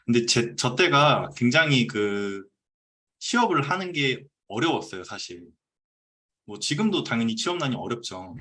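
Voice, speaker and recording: In his 30s, a medium-pitched man presents his business story as a guest speaker on a video call, keeping the talk relaxed and conversational with frequent "uh" pauses. He's picked up by a computer mic.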